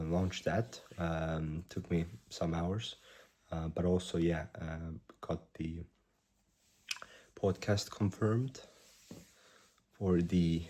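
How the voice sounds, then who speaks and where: Keeping his voice low and husky, a twenty-something startup founder speaks quietly into a video diary, a little sick and coughing. He rambles, halts and corrects himself as he goes.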